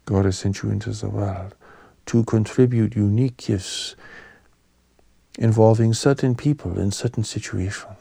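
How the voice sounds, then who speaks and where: Delivering a spiritual sermon as a teacher, a man speaks calmly, gently and solemnly in short, measured phrases. His voice is soft and lowish, breathing out at the end of each phrase, in a dry recording.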